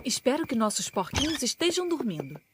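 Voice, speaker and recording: High-pitched motherly mama pig. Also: big pitch swings, fairly quick, very noisy. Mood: tender. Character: caring, gently firm mother pig. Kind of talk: children's cartoon dubbing.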